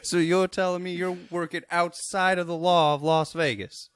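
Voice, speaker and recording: A man's voice: high voice, little pitch movement, clear, resonant tone, dry recording. A man arguing as an attorney in an improvised mock-courtroom comedy, raising theatrical objections. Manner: theatrical objections, quick laughs.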